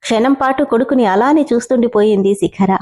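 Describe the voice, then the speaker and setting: Mellow-voiced woman narrating a story. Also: on the high side, a little fast. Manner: expressive, switching between voices. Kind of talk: narrating a story and voicing its characters.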